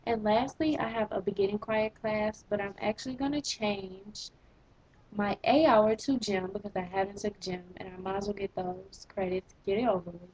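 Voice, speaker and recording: A teenage girl in eleventh grade ranting in a casual vlog, sarcastic and exasperated, with a slightly husky voice. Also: medium pitch, moderate pace, low-quality recording. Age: teens. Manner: exasperated, sarcastic, animated complaining. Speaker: vlogger.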